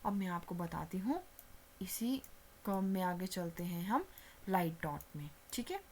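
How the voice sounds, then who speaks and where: A woman who teaches shorthand explains a lesson step by step in a lowish, darkish voice with lively intonation and a measured pace, over slight hiss or hum. She patiently repeats steps, checks often that viewers are following, and mixes English terms into her Hindi explanation, dropping nearly to a whisper while she writes.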